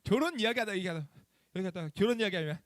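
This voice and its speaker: A very fast, high male voice: a young youth pastor preaching to teenagers, recounting a personal story in a chatty, animated manner and asking the students questions in a lively storytelling sermon. The audio is studio quality with no echo.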